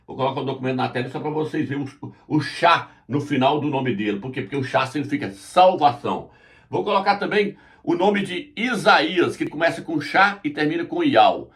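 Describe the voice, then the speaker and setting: A man's voice: on the high side, expressive, a bit bright. Man teaching letters at a whiteboard. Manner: deliberate, spells out letters while pointing. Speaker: Bible teacher.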